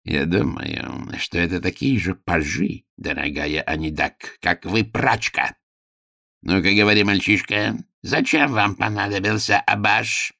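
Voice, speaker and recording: A man's voice: unhurried, creaky, sharp tone, no echo, clean studio sound, full character voice. A man voicing a cruel, scheming court minister who threatens and gives orders. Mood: menacing. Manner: menacing, squeaking when enraged.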